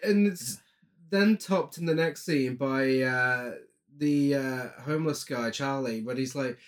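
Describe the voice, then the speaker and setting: A man's voice: medium pitch, unhurried. A man co-hosting a casual film recap with sassy, campy drag-queen style banter and gushing emphasis. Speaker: podcast co-host.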